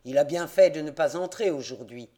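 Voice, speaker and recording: A man reading an audiobook, voicing a gruff, hostile male innkeeper in the countryside who growls his words in rustic speech. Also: on the high side, a little fast, dark tone, lightly acted. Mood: hissing.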